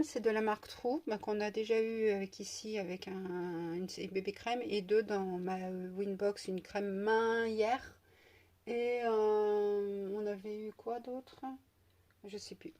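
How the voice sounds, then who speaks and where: A woman's voice: mid-range voice, steady tone, unhurried, a little mellow. A woman chatting casually through an unboxing at home, with many fillers, sometimes cooing to her pet. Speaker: beauty vlogger.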